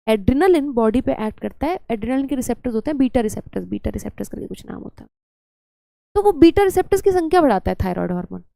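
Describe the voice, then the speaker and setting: A woman's voice: on the high side, big pitch swings, fast, creaky, mellow, dry recording. A young woman teaching biology in a chatty, scolding lecture style, often slipping English terms into her talk.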